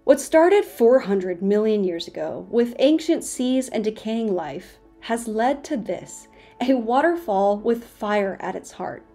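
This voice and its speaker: A young woman hosting a science video, narrating a script in an earnest, gently wondering way straight to her viewers, close to a studio microphone in a small home studio. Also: on the high side, expressive, slow pace, faint music behind. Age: young adult. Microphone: large studio mic in front of her.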